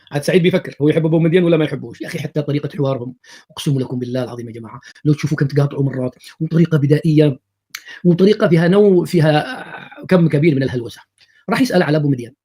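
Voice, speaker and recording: A man's voice: a little high, husky. A man giving sarcastic reaction commentary on TV clips, mocking and repeating phrases. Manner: mocking, repetitive, animated.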